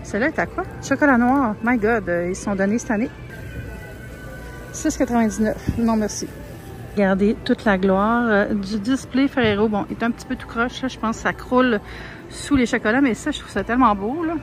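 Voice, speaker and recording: A woman's voice: a little high, fairly quick, poor audio. A young woman with a Québécois French accent chatting casually as she films herself browsing a big grocery store on her phone. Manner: chatty, lots of fillers, soft asides. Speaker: vlogger. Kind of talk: casual shop-with-me narration. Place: large grocery store, indoors. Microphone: handheld phone camera. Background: faint store music.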